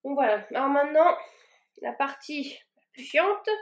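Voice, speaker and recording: Repotting plants on camera, a woman talks in a loose, meandering way, piling on fillers and starting over often. She speaks at a moderate pace in a high voice, a little warm and worn out from the effort.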